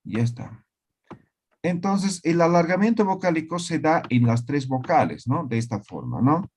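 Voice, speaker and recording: A man teaching a language class online, slowly repeating words and often checking that students follow. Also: on the high side, very animated, a little mellow, breathy edge.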